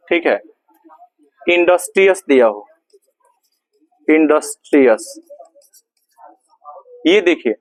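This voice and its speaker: A man's voice: fairly high pitch, no echo, low-quality recording. A man teaching an English grammar lesson in Hindi with a Bihari accent, firing questions and answering them himself in a repetitive drill. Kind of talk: classroom lesson.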